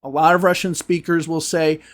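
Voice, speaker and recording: A man with a Chicago American accent teaches an online English lesson. His voice sits fairly high for a man, and he leans hard on key words and repeats them for emphasis. He keeps checking in with the viewer as he explains. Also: level tone, a little fast. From United States (Chicago). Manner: emphatic, repeats words for stress, asks "okay?" and "right?".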